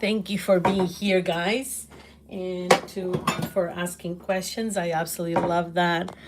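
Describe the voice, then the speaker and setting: A middle-aged Portuguese woman with a Portuguese accent, chatting loudly to her livestream viewers from her home kitchen, laughing often. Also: mid-range voice, noisy background. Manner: loud, laughs often, exclaims. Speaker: livestream host. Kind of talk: casual livestream chat answering comments.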